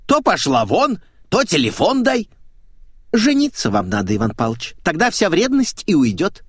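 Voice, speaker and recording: A man reading an audiobook and voicing a brash, mocking middle-aged housekeeper who talks back loudly. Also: high voice, huge pitch swings, normal speed, slightly rough, dry recording, studio quality, voice pushed up, exaggerated voice. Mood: cheeky. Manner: cheeky, loud and talks back. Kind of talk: audiobook character voice.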